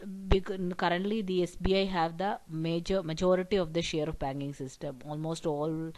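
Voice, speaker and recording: Low-voiced woman teaching a revision lecture. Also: steady tone, moderate pace, a little mellow, poor audio. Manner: explanatory, frequent "okay" and "right" checks.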